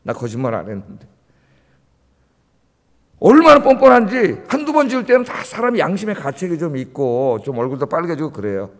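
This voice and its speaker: A man's voice: high voice, lively intonation, quick pace, few pauses. A man preaching an early-morning sermon in a church, emphatic, firing rhetorical questions at the congregation. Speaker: pastor. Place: church sanctuary. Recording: long church reverb.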